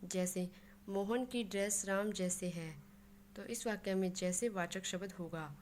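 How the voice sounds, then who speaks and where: A woman's voice: mid-range voice, unhurried, darkish tone, a little hiss or hum. A woman explaining a Hindi grammar lesson, working through examples step by step and mixing English words into her Hindi.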